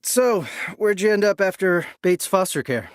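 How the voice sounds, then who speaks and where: A man's voice: high voice, lively intonation, moderate pace, no room sound. A cocky teen boy with a dry voice. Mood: teasing.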